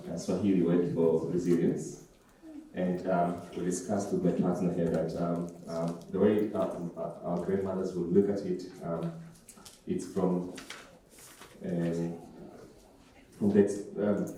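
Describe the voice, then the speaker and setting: A man from Tanzania sharing in a conference group discussion, hesitant with many pauses and fillers. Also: deep voice, warm tone, a little hiss or hum. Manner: hesitant, many ums and uhs. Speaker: conference participant. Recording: echoey hall, far from mic.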